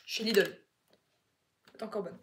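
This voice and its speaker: A woman's voice: medium pitch, normal speed. A young woman from Quebec whose accent shifts between French and Québécois, chatting and swearing casually while she cooks in her home kitchen. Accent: mixes French and Québécois accents. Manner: chatty, rambling, swears freely. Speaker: vlogger. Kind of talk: casual chat while cooking. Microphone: phone camera. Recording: echoey room with steady background noise.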